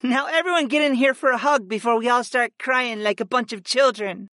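A man's voice: extremely high pitch, brisk, sharp tone, no room sound, clean studio sound, voice pushed up. Bubbly, playful young woman, voiced by a male narrator. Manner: playful, upbeat.

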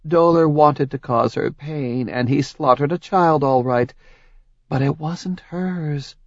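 A man's voice: on the high side, slow pace, dry recording, pitched above the performer's own voice. A man voicing a proud, scheming goddess queen who needles her husband relentlessly, in an audiobook with a slightly dull, dry recording. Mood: taunting. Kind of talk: audiobook character voice.

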